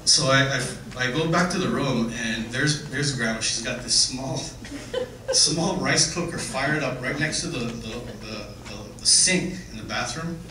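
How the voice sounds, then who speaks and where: A middle-aged man giving an informal, tender family eulogy in a halting, faltering way, telling simple anecdotes. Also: medium pitch, bright, forceful tone. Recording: echoey room, distant mic, clear background noise.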